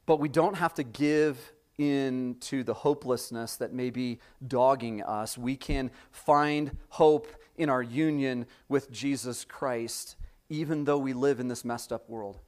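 A man's voice: mid-range voice, measured pace, darkish tone. A pastor in his forties delivers a sermon in a church sanctuary. His tone is chatty rather than formal, and he keeps drawing the listeners in with rhetorical questions. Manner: conversational preaching, frequent rhetorical "right?". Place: church sanctuary before a congregation.

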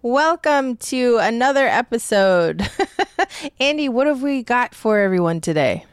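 A woman's voice: on the high side, lively intonation, a little slow, smooth, no echo, studio quality. A woman co-hosting a podcast in casual chat, upbeat and laughing often. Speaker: podcast co-host.

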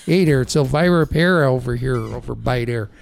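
A man's voice: medium pitch, a little fast, vocal fry, no room sound, faint music behind. A man hosting a local radio interview show, talking in a rambling way and often correcting himself. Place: radio studio. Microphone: studio microphone.

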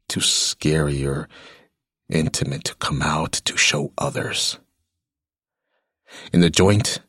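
A rough, husky-voiced American man in middle age performs the part of a world-weary ex-convict uncle, both menacing and tender, for a radio drama. The voice is very deep yet a bit bright, heavily acted, and captured in a dry, clean studio recording.

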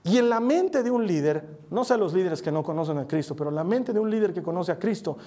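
Male preacher with a high voice, chatty sermon delivery, often asks the room "right?". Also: lively intonation, quick pace, dark tone. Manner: conversational, checks in with listeners by asking "right?".

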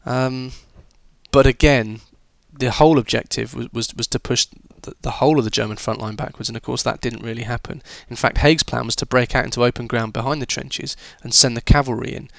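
Man, history teacher, informal chatty delivery, average pitch, dry close sound. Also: steady tone, a little fast, gravelly, fairly bright tone, no room sound. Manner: chatty and informal, with filler words and restarts. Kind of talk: recorded history lesson for students.

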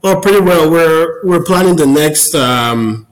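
A man's voice: fairly high pitch, animated, a little slow, poor audio. A man in his forties from Cameroon, a podcast guest on a video call, telling his personal story in a friendly, earnest way. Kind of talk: casual interview storytelling.

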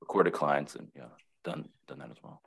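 A man with a deep voice talks through his counseling practice in a relaxed webinar chat. He pauses, repeats himself and restarts phrases as he works out what he means. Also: gravelly, breathy edge. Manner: reflective, many restarts and repetitions. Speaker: counselor and guest. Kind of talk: casual webinar conversation.

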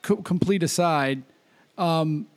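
A man's voice: fairly high pitch, slow. A man hosting a casual podcast, talkative, leading the conversation and telling anecdotes. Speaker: podcast host.

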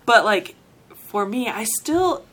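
A woman's voice: fairly high pitch, sing-song, slow pace, a bit bright. Chatty woman hosting a casual interview. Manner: informal, rambling, frequent "like" and "you know". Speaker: podcast host, zookeeper.

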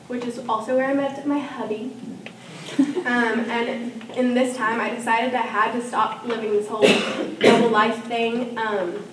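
A young woman, a student, telling her personal faith story in a casual way, with many ums and likes. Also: a little high. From Norman, Oklahoma. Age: young adult. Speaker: student giving testimony. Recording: echoey room, from far off, faint hiss.

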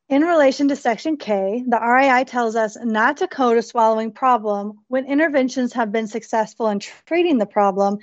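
Female host for a training podcast, fairly high voice, formal scripted delivery, lo-fi recording. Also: dry recording. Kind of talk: scripted educational podcast interview. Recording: dull, lo-fi podcast audio.

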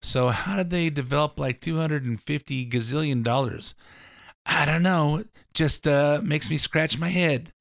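A middle-aged talk radio host with a slightly scratchy, gravelly voice rambles folksily through a casual political monologue, full of fillers and restarts, between ads for his mortgage business. His pitch is fairly high, his tone fairly bright, and he speaks a little slowly. The recording is dry and studio quality.

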